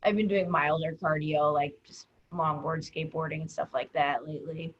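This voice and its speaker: A woman's voice: low-pitched, fairly even intonation, moderate pace. Woman, video call, casual chat, rambling, lots of fillers, slightly muffled lo-fi audio. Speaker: comedian and guest.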